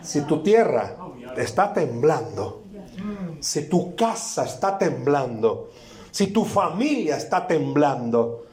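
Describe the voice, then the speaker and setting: A man preaching a sermon as a guest preacher at a church service, impassioned and repetitive, rising to shouts. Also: on the high side, big pitch swings, takes it slowly, reverberant.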